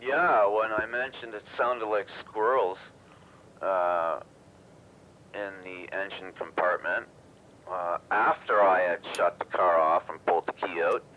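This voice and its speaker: A man's voice: low voice, measured pace, slight background noise. A man checking in to an amateur radio net, talking in an easygoing, hesitant way. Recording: tinny radio transmission.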